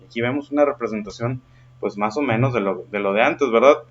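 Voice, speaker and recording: A man's voice: medium pitch, brisk. A man teaching a lesson patiently and often checking in with his listeners, in a slightly dull recording. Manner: patient, checks in with frequent questions. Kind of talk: explaining a lesson.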